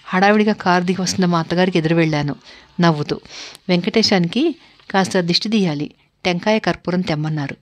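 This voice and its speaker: A woman narrating a family story in the first person, steady and unhurried. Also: on the low side.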